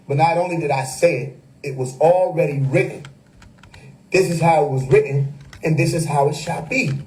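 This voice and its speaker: A man's voice: fairly high pitch, a little mellow, low-quality recording. A man, hosting a casual livestream monologue that preaches hidden meanings with wordplay and frequent laughter. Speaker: livestream host. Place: home.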